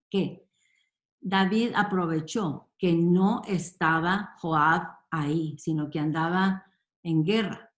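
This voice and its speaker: A woman's voice: fairly low pitch, echoey room. A woman leading a Bible study. She reads verses aloud, then explains them with emphatic questions. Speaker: Bible teacher.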